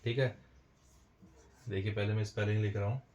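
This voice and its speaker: Low-voiced man teaching a lesson. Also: steady tone, fairly quick, a little mellow, highs cut off. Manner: repetitive, addresses viewers as friends. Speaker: English teacher. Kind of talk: explanatory lesson with writing on board.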